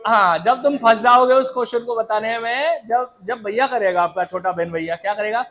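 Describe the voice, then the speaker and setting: A man teaching a math lesson in a classroom, lively and always asking the students to answer aloud, calling them "beta". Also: very high-pitched, normal speed. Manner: calls students "beta" and "babu".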